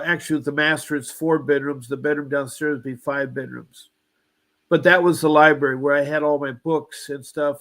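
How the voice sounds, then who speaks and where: A man in his seventies tells a long personal story in a rambling way, circling back with restarts and asides. He sounds aggrieved and insistent, and his voice sits slightly higher than most men's. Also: fairly bright tone. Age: 70s. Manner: aggrieved, insistent about injustice. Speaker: guest.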